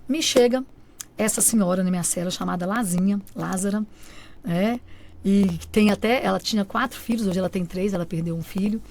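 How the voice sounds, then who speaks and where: In a brisk, medium-pitched voice, a woman gives an emotional testimony about her life as a guest on a radio show in the studio. She keeps it animated, often performing the quoted lines of family and friends.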